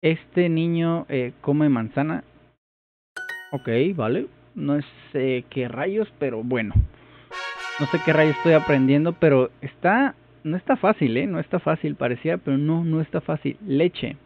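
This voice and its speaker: A man's voice: fairly high pitch, a little slow, vocal fry, faint music behind. A man vlogging his first try at a new language, thinking aloud hesitantly and repeating phrases as he works them out. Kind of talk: casual thinking-aloud commentary. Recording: tinny phone-like sound.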